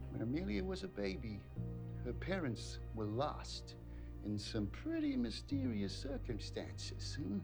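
An actor playing a fretful, kindly older grandfather in a children's series, halting and stammering as he talks. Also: medium pitch, creaky, full character voice. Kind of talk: live-action children's series acting.

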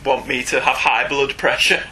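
A man's voice: medium pitch, normal speed, husky. A middle-aged man hosting a podcast, reading listener emails in casual chat and laughing often. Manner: animated, laughs often, reads emails aloud.

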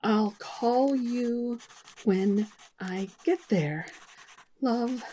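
A woman's voice: a little high, very slow, warm tone, slight background noise, low-quality recording. A woman playing a nervous, emotional young woman in a naturalistic screen drama, hesitant in her speech. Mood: flustered, anxious.

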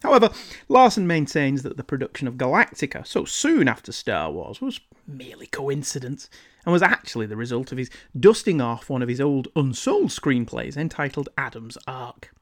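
Animated male podcast host, scripted narration. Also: mid-range voice, moderate pace.

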